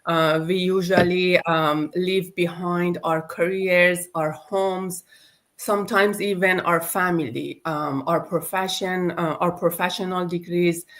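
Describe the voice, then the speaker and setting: A middle-aged woman hosts a live online talk over a video call. She speaks very slowly with a slightly low voice and fills her sentences with ums and uhs. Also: steady tone. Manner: slow, with many ums and uhs. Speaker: host.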